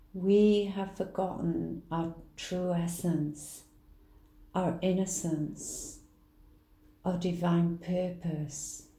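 A woman leading a guided healing meditation in a soft, soothing manner. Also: lowish voice. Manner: soft, slow, soothing delivery. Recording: roomy echo.

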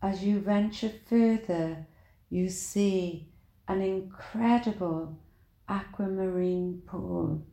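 A woman leading a guided meditation in a soothing, deliberate manner, with long pauses between short phrases. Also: medium pitch, creaky, mellow, echoey room.

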